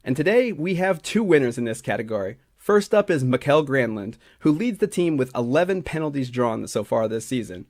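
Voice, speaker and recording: Guy reading off hockey stat awards from a script, mid pitch, steady, trips on a word now and then. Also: a little fast, hardly any pauses. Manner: steady, stat-heavy delivery with small slips and restarts. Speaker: hockey analytics writer and podcast regular.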